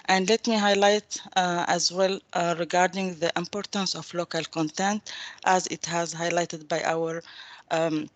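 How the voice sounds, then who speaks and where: A woman procurement coordinator presenting a webinar, steady, with fillers between phrases. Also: on the low side, a little slow.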